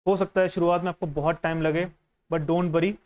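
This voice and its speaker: A man's voice: fairly high pitch, little pitch movement, moderate pace, darkish tone. A man coaching exam students in a casual lesson, talking the listener through a newspaper in a conversational, instructive way and mixing in English phrases. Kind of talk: casual teaching while going through a newspaper.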